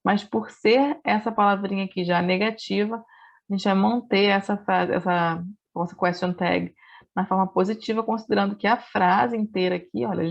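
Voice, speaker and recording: Woman, Brazilian Portuguese accent, English teacher, recorded lesson, slow example sentences, slightly muffled sound. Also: medium pitch, creaky. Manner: reads English examples slowly, then translates them.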